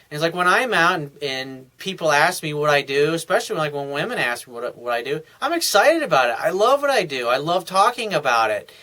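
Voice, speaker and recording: A man's voice: on the high side, bright, forceful tone. A man coaching on dating in a loose, conversational monologue full of fillers and restarts, sounding tired. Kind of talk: casual advice monologue.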